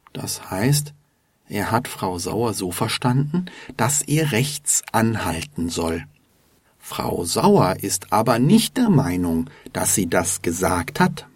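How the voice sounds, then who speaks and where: Male lesson host, measured and lively pitch, husky voice, dry studio sound. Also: dry recording. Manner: explains slowly and clearly, stresses words. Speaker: language teacher, podcast host. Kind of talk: scripted lesson narration.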